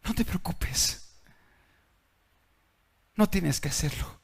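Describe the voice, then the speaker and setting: A man voicing a dying young man who speaks softly and calmly, inside a sermon. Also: fairly high pitch, slow, vocal fry, husky, exaggerated voice. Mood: peaceful. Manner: soft, hushed.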